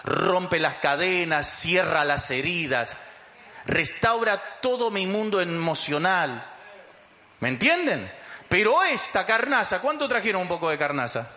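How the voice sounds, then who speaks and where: A man's voice: sits high, big pitch swings, a little slow, sharp tone, echoey room. A man preaching a sermon as pastor, emphatic and calling the congregation to repeat after him.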